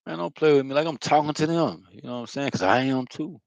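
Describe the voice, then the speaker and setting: A man's voice: medium pitch, quick pace, creaky, darkish tone, no echo, muffled recording. A man giving a loose, profane spiritual monologue, talking casually with lots of fillers. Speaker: spiritual vlogger.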